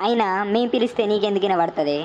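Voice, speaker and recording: A woman voicing a gossiping village neighbor woman, who chatters loudly. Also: mid-range voice, expressive, quick pace, highs cut off, a little hiss or hum, natural voice. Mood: gossipy. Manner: loud calling, gossipy chatter.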